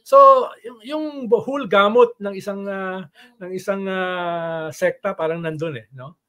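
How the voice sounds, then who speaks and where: A man's voice: sits high, measured pace, a bit bright. An older man discussing politics in a casual talk show, explaining at length and tagging sentences with "no?".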